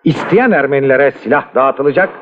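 A man playing a stern military official in a period film, husky and authoritative, giving clipped, harsh orders. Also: medium pitch, a little fast, a little hiss or hum, lightly acted. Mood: commanding, cold. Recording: tinny old film soundtrack.

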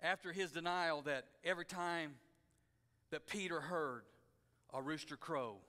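A male pastor preaching a sermon, folksy and conversational, building to shouts. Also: on the high side, a little slow. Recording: long hall reverb.

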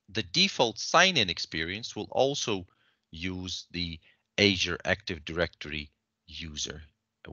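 A man walking through a software demo on a screen share, explaining steps in a measured way with frequent fillers. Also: deep voice, no echo, dull audio.

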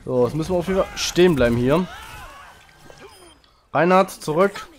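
A man commentating his own online shooter match, frantic and loud, urging his team on and cursing opponents. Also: on the high side, normal speed. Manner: frantic, urging teammates, swearing at enemies. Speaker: gaming channel host. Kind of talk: excited live game commentary.

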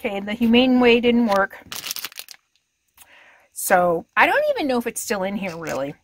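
Speaking at a moderate pace in a sing-song, medium-pitched voice, a woman in her fifties vlogs about RV travel. She chats casually with the camera and talks sweetly to her dog, both outdoors in a windy high desert and inside her RV. It's captured on a phone at arm's length with slight background noise.

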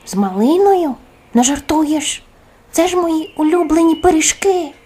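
A woman's voice: a little high, moderate pace, close to an everyday voice. A woman voicing a grumpy, greedy male forest gnome who grumbles and complains in a storybook tale. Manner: grumbling, indignant. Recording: soft music underneath.

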